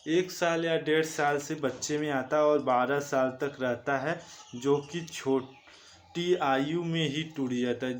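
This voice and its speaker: A man teaching a lesson from slides, speaking slowly and repeating terms as he corrects himself. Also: mid-range voice, slight background noise. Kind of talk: slide-based online lesson.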